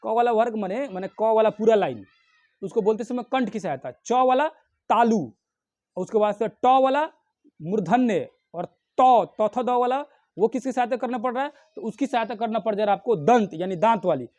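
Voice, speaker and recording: A man's voice: sits high, expressive, normal speed, a little mellow, no room sound. A young man teaching an online grammar class, asking questions and answering them himself, sounding out letters one by one. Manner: explains step by step with repeated questions and answers.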